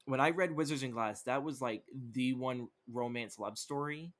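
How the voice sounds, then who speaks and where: Young man, casual podcast chat, rambling, profane, filler-heavy, mid-pitched voice. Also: normal speed. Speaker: podcast co-host.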